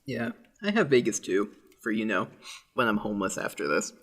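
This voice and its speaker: A man's voice: fairly low pitch, big pitch swings, normal speed, fairly bright tone. A young man in college co-hosting a podcast, laid-back and wry in casual chat. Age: young adult. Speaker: podcast co-host.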